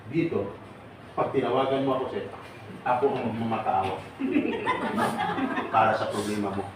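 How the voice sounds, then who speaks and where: A man's voice: on the low side, brisk. A man giving an earnest seminar talk to an audience, often checking in with rhetorical questions. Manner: earnest, rhetorical, keeps asking "no?" and "tama?". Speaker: OFW assistance advocate. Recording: echoey room with faint background noise.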